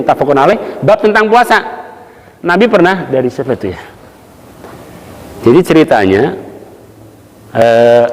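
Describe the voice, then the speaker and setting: A man giving a relaxed mosque study sermon, telling stories and acting out the people he quotes. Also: on the high side. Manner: casual storytelling, acts out quotes, chuckles. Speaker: preacher. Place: mosque hall. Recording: long hall reverb.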